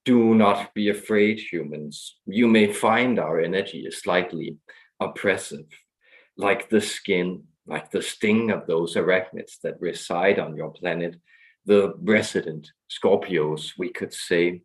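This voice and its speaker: A man voicing a solemn, ominous alien star guardian who speaks as a collective in slow, measured, grandiose proclamations. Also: low voice. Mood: ominous, warning. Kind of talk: channeled message, formal proclamation.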